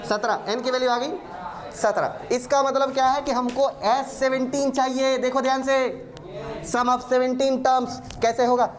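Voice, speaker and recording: Joking male maths teacher in class. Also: extremely high pitch. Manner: joking, teasing with students. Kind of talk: classroom lecture. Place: classroom with students. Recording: crowd of students audible.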